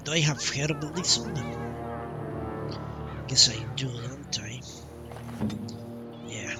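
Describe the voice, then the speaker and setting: Over game music, a streamer gives casual live commentary on the game he's playing, thinking aloud and muttering short questions to himself. His voice is medium-pitched and slow.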